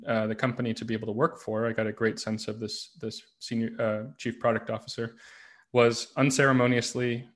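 A man from the United States, a podcast guest, telling his story in a relaxed, rambling way. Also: medium pitch, brisk. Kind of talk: casual interview conversation.

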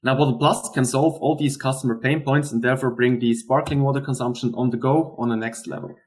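A man presents as a startup founder in a rehearsed investor pitch style, explaining earnestly with some halting pauses. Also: steady tone, darkish tone.

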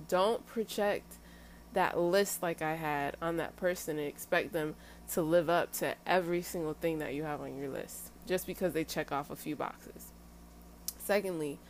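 Young woman vlogging, kinda low voice, chatty and candid, faint hum behind her. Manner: candid and chatty, laughs at herself, emphatic asides. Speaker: vlogger sharing dating lessons. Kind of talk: casual personal talk to camera.

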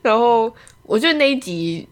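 A woman's voice: on the high side, expressive, normal speed. A young woman, co-hosting a podcast in casual chat, wry and self-mocking. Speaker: podcast co-host.

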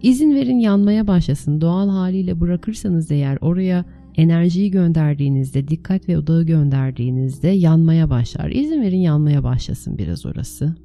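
A woman with a very dark, soft-edged voice and a creaky grain leads a guided meditation. She gives gentle, soothing instructions in short, unhurried phrases, with music playing behind her. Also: low-pitched. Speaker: meditation teacher leading a guided meditation.

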